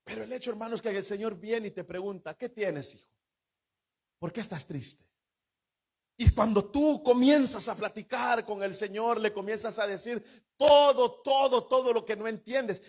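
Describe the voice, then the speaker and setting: A pastor preaches in a very high voice. His fervent sermon rises into sudden shouts, then drops to hushed asides. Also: normal speed.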